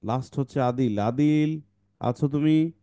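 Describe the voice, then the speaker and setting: A man teaching children phonics in an online class over a video call, sounding out each blend slowly and repeating it several times. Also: mid-range voice, dark tone, no echo, studio quality.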